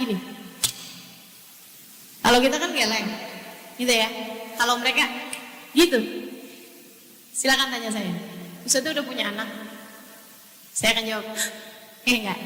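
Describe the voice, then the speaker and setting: A woman's voice: high voice, pushed and bright. A woman from Indonesia preaching in a casual storytelling way, addressing her listeners directly and animatedly. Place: mosque hall. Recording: echoey hall, distant mic, faint hiss.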